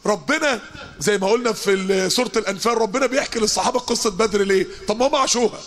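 A man's voice: high voice, very fast. A man with an Egyptian Arabic accent preaching a sermon in an impassioned, emphatic way, sometimes reciting verses melodically.

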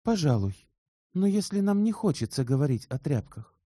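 A man's voice: a little high, big pitch swings, moderate pace, mellow, dry recording, studio quality, pitched above the performer's own voice. A man voicing an earnest, direct young woman in an audiobook, asking poised, pointed questions. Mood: cool, pointed. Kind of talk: audiobook character reading.

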